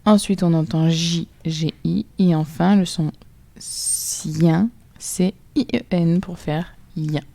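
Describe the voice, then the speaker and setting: A woman with a French accent teaching a recorded phonics lesson to children, spelling sounds out slowly and clearly letter by letter. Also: on the low side, dark tone, dry recording.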